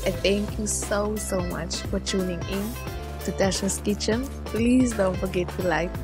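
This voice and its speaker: A woman's voice: mid-range voice, steady tone, measured pace. A woman with a South African accent narrating a step-by-step cooking tutorial as a vlogger, giving politely worded instructions. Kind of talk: scripted how-to tutorial narration. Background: faint music.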